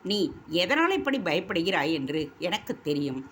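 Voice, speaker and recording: A woman reading the lines of an earnest, tender young prince, gentle and reassuring in a storybook. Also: on the low side, very animated, normal speed, a little hiss or hum.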